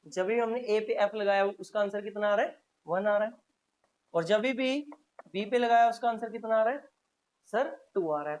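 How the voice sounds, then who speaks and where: A man's voice: sits high, a little mellow. A male maths teacher giving a classroom lecture, asking questions and answering them himself with frequent prompts to the class. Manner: repetitive, drilling, frequent "haan ji" prompts.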